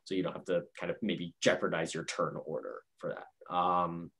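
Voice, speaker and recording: A man's voice: deep voice, little pitch movement, normal speed, a bit bright, a little hiss or hum. A man giving a casual, rambling board game review, explaining step by step on a video call.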